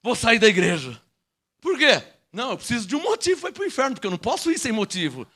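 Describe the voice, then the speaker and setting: High, bright-voiced Brazilian pastor preaching. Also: male voice, fast. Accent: Brazilian Portuguese. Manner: animated preaching, shifts from joking asides to shouted proclamations. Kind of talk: lively sermon. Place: church.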